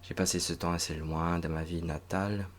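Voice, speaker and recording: A young man from northern Virginia, a native English speaker, talking slowly and hesitantly in a reflective monologue, with many pauses and restarts. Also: deep voice, flat delivery, a little hiss or hum. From United States (northern Virginia). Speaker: recent master's graduate vlogger.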